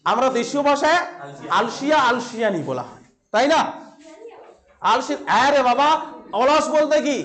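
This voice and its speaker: A male teacher with a West Bengal Bengali accent and a strikingly high voice leads a filmed classroom lesson. He fires questions at his students and repeats each answer for them to remember. He keeps it light with playful asides. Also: moderate pace, pauses often, fairly bright tone. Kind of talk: classroom exam-prep lesson.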